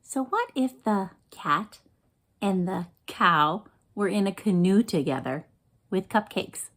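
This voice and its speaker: A woman teacher speaking gently and in a sing-song way to young children during a lesson. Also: medium pitch, sing-song. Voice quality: slow, gentle and sing-song, addressing kids.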